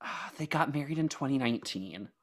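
A man's voice: mid-range voice, expressive, fairly quick. A man co-hosting a podcast, joking in a mock-formal, self-mocking way and laughing often. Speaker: podcast co-host. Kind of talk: casual comedic chat.

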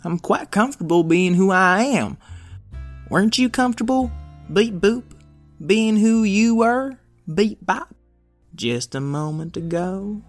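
Man doing a rusty, folksy old robot, pitched up. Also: expressive, a little slow, soft background music. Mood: folksy, consoling. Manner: folksy old-timer phrasing with robot nonsense words. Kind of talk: character voice in a children's audio story.

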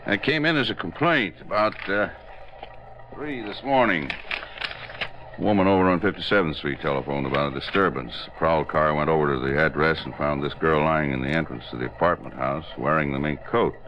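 A man's voice: rumbling low, brisk, highs cut off, slight background noise. A man playing a terse, matter-of-fact police robbery sergeant in 1950s radio drama style.

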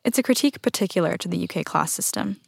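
A woman hosts the program, reading scripted narration with a measured delivery. Her voice sits low and carries a gravelly edge. The sound is close and dry. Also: expressive, dry recording. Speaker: host, narrator.

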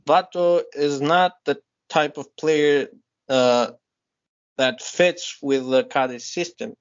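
Guy on a football podcast, laid back and chatty, jumps in a lot, muffled lo-fi sound. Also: fairly high pitch. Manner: relaxed and chatty, cuts in with quick remarks. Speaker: podcast co-host. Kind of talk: casual football podcast chat. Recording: dull lo-fi audio.

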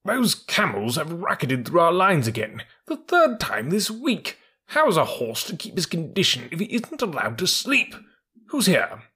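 A man's voice: a little high, wildly swooping pitch, moderate pace, pushed and bright, breathy edge, voice pushed up, full character voice. A man voicing a proud, dignified male cavalry troop horse in a storybook, speaking in a stately way. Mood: indignant. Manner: indignant and stately.

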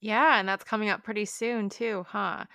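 A woman's voice: medium pitch, steady tone, moderate pace, vocal fry, pushed and bright, dry recording, studio quality. A woman hosting a running podcast, enthusiastic and upbeat as she introduces and questions her guest. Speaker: podcast host. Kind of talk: podcast interview.

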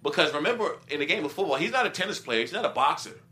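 A middle-aged former professional football player appears as a guest in casual sports talk, explaining his opinions with examples and quoted asides. His voice is fairly high with lively intonation, delivered rapid-fire in a pushed, bright way.

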